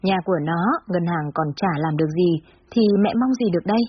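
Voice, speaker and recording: A woman voicing an older mother, shrill and whiny as she complains, in a story reading. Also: fast talker, lo-fi sound, slight background noise, close to an everyday voice. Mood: griping.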